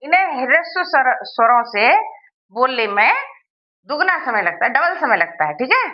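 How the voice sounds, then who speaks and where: A woman's voice: high-pitched, sing-song, moderate pace, muffled recording. A woman teaching a grammar lesson, asking her students questions and answering them herself, checking that they follow.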